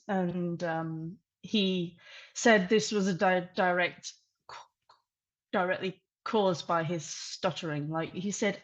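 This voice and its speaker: Woman presenting on a lo-fi video call. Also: lowish voice. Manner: conversational with many fillers and restarts. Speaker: conference speaker.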